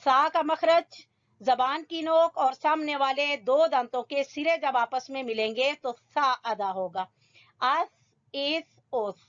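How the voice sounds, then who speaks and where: A woman who teaches Quran reading to students, drilling letter sounds patiently and repeating each one. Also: high-pitched. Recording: dull lo-fi home recording.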